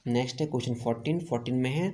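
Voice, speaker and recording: A man's voice: mid-range voice, racing, mellow. A man from India with a Jharkhand accent, teaching an online exam-prep lesson and going through quiz answers one by one, asking each question aloud and then answering it himself.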